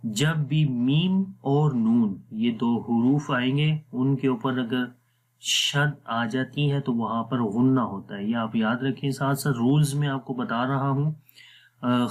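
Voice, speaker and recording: A man with a Pakistani Urdu accent teaching Quran recitation rules in a patient, explanatory lesson, drawing out words slowly to demonstrate them. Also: medium pitch.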